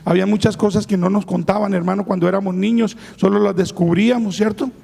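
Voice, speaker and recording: Male pastor, raspy and gravelly, high-pitched, emphatic testimony sermon in a reverberant hall. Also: steady tone, fast, warm tone. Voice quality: hoarse, raspy voice. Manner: emphatic, addresses listeners as brother.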